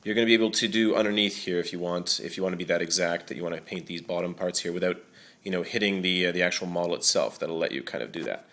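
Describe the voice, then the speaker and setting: A man's voice: deep voice, fast. A young man giving a casual hobby painting tutorial, talking loosely with lots of "uh" and "you know". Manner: relaxed, many fillers like uh and you know. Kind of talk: casual how-to demonstration.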